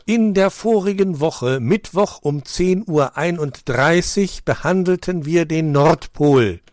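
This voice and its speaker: Man voicing a know-it-all poodle schoolboy, high, slow and precise. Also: darkish tone, no room sound, studio quality. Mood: pedantic. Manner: slow, very deliberate. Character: pedantic male poodle pupil.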